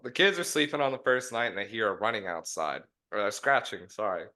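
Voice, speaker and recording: A man's voice: fairly low pitch, expressive, a little fast, bright, forceful tone. A young man co-hosting a casual podcast, retelling a story in a loose, rambling way. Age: young adult. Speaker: podcast co-host. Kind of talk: casual chat.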